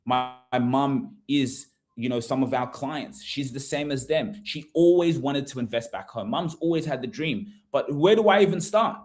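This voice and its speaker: Faint music plays behind an Australian webinar host, a property investment advisor whose mid-range voice is expressive and moderately paced, with hardly any pauses. He keeps things informal and repetitive, peppering listeners with rhetorical questions.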